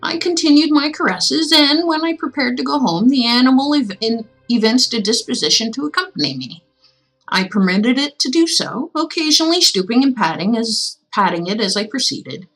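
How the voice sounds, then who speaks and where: A woman with a slightly high voice hosts a livestream reading classic tales aloud, shifting between expressive, measured storytelling and playful, casual chat. Faint music plays behind her, and the recording is rough.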